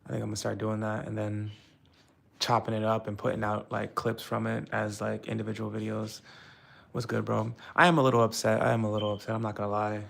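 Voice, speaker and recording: A man's voice: on the low side, monotone, a little fast, gravelly, a bit bright. A young man from the United States talking casually and frustratedly on a live stream, rambling with many fillers.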